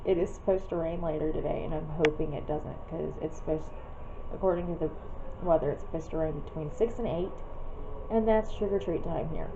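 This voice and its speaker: Filming a casual vlog, a congested woman in her thirties fighting off a cold rambles and laughs a lot, first at home and later outside near her front door. She speaks briskly in a low voice, captured by dull, lo-fi camera audio with noise in the background.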